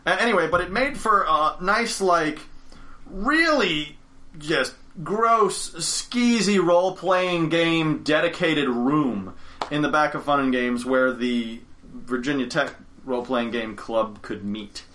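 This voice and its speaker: A young man who owns a game store tells stories in a casual podcast chat in a studio, rambling, correcting himself, and chuckling often. His voice is a little high and sharp, and he speaks slowly.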